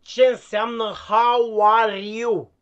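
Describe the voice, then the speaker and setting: A man's voice: sits high, little pitch movement, lo-fi sound, noisy background, close to an everyday voice. A man playing a clueless, impatient male English teacher who curses, scolds and stumbles over his words, in a comic live-stream sketch. He sounds like an everyday voice. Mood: exasperated.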